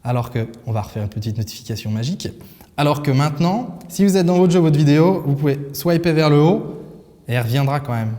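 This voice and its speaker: A man's voice: a little high, lively intonation, fast, warm tone, big-room sound. A man hosting a tech video, walking viewers through phone features in a chatty, casual way, with many fillers and restarts. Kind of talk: casual product demo.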